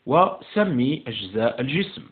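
An Algerian man walks middle school pupils through an English exam, spelling out each English line slowly before putting it into Arabic. His pitch swings widely from word to word. The recording is narrow and tinny, close to a phone line. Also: very animated. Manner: reads English slowly, then translates into Arabic. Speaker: English teacher.

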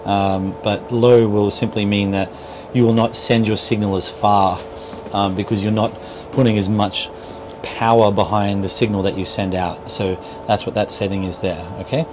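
Recorded on a clip-on lavalier in a small marina boat cabin, a middle-aged boat dealer instructor explains a task step by step, informally checking in with the listener by asking "right?". He speaks at a moderate pace in a lowish voice with little pitch movement, against a noisy background.

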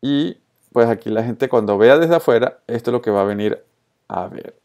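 Born in Colombia and raised in Venezuela, a male social media tutorial presenter speaks with a Colombian-Venezuelan Spanish accent in a relaxed, dark, mid-pitched voice. He narrates a casual screencast tutorial spontaneously at a moderate pace, keeping it informal and dropping in English tech words.

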